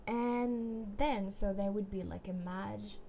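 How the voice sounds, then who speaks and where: A woman's voice: medium pitch, fairly even intonation, slow, creaky, dark tone, a little hiss or hum. A woman streaming live, chatting casually and hesitantly with many fillers and restarts. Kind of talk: casual livestream chat.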